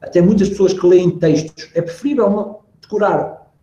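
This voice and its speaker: A man with a European Portuguese accent, a body language expert explaining in an animated way on a video call. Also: sits high, lo-fi sound, slight background noise. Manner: animated, demonstrates tones and pauses. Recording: roomy video call audio.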